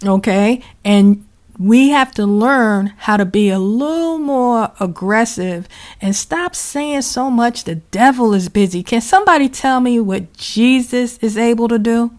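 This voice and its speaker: A woman's voice: a little high, a little slow. A woman hosting a faith talk show, speaking emphatically in a churchy call-and-response way. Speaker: show host.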